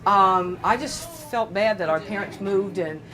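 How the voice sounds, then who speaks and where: An older woman from California recounting personal family history in an interview, telling her stories with lively acted-out dialogue. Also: medium pitch, a little slow, crowd noise. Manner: animated storyteller who acts out the voices of people she quotes. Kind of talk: storytelling interview.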